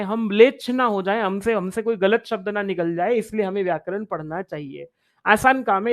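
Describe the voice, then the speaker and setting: A man teaching Sanskrit in an online exam-prep lecture. He explains step by step, repeats phrases and chants Sanskrit verses. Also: sits high.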